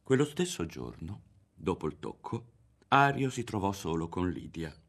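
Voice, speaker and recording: A man narrating a novel in an audiobook, with a low-pitched voice. His reading is measured and dramatic. The pace lets each scene build. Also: sing-song, gravelly. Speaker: audiobook reader.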